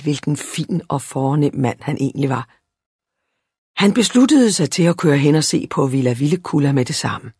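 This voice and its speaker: A narrator giving an expressive, lively storybook reading aloud. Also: mid-range voice, slightly rough, no room sound, clean studio sound.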